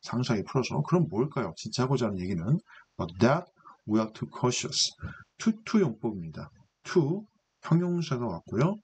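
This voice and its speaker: A man's voice: mid-range voice, big pitch swings, moderate pace, a little mellow, a little hiss or hum. A man lecturing on English grammar and vocabulary, explaining patiently and asking and answering his own questions. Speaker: English reading teacher.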